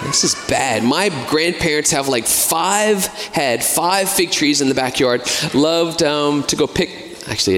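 A man's voice: a little high, a bit bright, a little hiss or hum. An American man preaching a sermon in a conversational way, with casual asides and fillers. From United States. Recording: long hall reverb.

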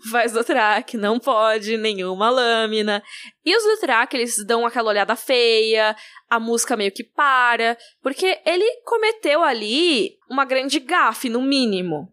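A woman co-hosting a casual book-discussion podcast, retelling scenes in an animated storytelling way. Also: a little high, unhurried. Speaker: podcast co-host.

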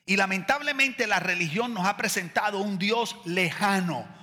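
A male preacher, speaking in a high, bright voice. He talks to the congregation casually, with slang and playful asides. A long reverb trails off his words in the hall. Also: normal speed. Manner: animated, conversational, uses slang and playful asides. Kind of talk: sermon.

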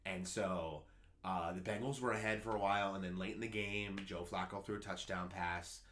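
A man's voice: deep voice, normal speed. A man, co-hosting a casual sports podcast, telling a story eagerly with lots of restarts. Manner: excitable storyteller, rambling with restarts. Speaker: podcast co-host.

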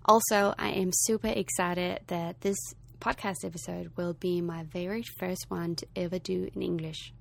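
A Danish woman in her thirties with a light accent hosts a podcast, opening the show and chatting casually in an interview. Her voice sits on the low side with a creaky quality and fairly even intonation, at normal speed with few pauses. She tells stories in a warm, chatty way full of fillers, over slight background noise.

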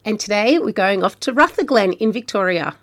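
A woman with an Australian accent hosts a wine travel podcast, reading scripted narration in a friendly, conversational way before chatting easily with her guest. Her mid-range voice has lively intonation and a slightly fast pace, with background noise present.

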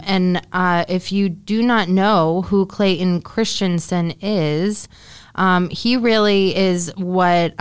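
Chatty woman, smooth lower voice. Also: no echo. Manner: chatty, laughs often, many fillers. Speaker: podcast co-host. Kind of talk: casual tech news chat.

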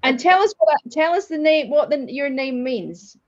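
A woman's voice: high-pitched, expressive, normal speed, muffled recording. A woman co-hosting a podcast in a chatty, self-deprecating way, laughing often. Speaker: podcast co-host. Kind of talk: casual podcast chat.

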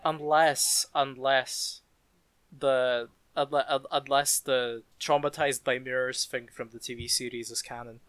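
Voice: mid-range voice, level tone, measured pace, a bit bright, smooth, no room sound. A podcast co-host in casual chat, making teasing, incredulous asides.

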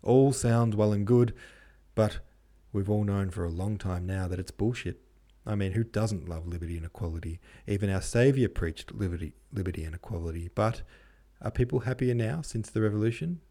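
A man's voice: fairly low pitch, normal speed, mellow. A man voicing a contemptuous, blunt aristocrat. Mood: sneering. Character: cynical sneering young male aristocrat.

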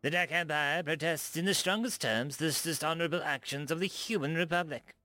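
A man's voice: fairly high pitch, a little fast, sharp tone, dry recording, pitched above the performer's own voice. Man doing a smug menacing alien ambassador. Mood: smug accusing.

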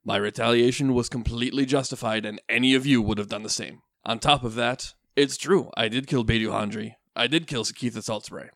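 A man's voice: medium pitch, steady tone, fairly quick, few pauses, fairly bright tone, no echo, clean studio sound, close to an everyday voice. A man playing a defiant, self-justifying pirate lord in a tabletop game, firm and formal. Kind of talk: tabletop role-play.

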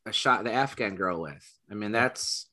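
A man's voice: fairly low pitch, normal speed, bright, forceful tone. A man in casual panel chat, knowledgeable and chatty, with lots of fillers. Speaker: podcast panelist.

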